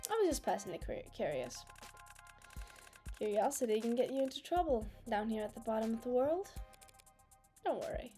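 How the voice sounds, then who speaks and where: Excitable woman reading game dialogue aloud. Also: fairly high pitch, fairly quick, long pauses. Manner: animated and excitable, reacts aloud with laughs. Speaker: let's play gamer. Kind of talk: casual gameplay commentary, reading dialogue aloud. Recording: faint game music behind.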